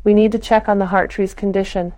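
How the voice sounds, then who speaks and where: A woman voicing an earnest, protective young elf druid woman in a soft, measured way. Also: medium pitch, level tone, no echo, natural voice. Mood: reverent.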